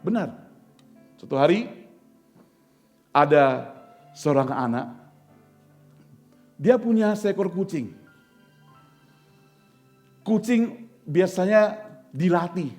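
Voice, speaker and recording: A man's voice: high voice, expressive, slow, pauses often, darkish tone, faint music behind. A man preaching a sermon as pastor, earnest, with repeated rhetorical questions and storytelling. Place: church.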